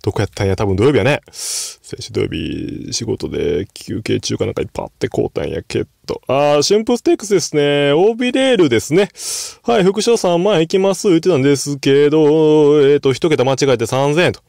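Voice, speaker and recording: A man's voice: fairly high pitch, animated, fairly quick, vocal fry, hardly any pauses, a little mellow, no room sound, clean studio sound. A man with a Kansai accent, hosting casual horse-racing betting commentary in a rambling, self-deprecating way. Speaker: host.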